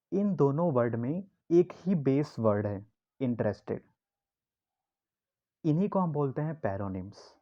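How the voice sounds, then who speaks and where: A man's voice: mid-range voice, mellow, lo-fi sound. A man teaching vocabulary in a classroom style, asking his own questions and repeating key words to explain them. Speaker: English teacher.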